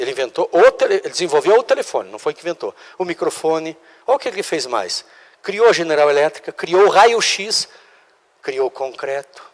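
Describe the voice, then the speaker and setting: Brazilian male instructor, lively pitch, booming hall reverb, emphatic classroom delivery. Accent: Brazilian Portuguese. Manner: emphatic, repeats and restarts words, asks the class questions. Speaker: law school oratory instructor. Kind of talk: classroom lecture.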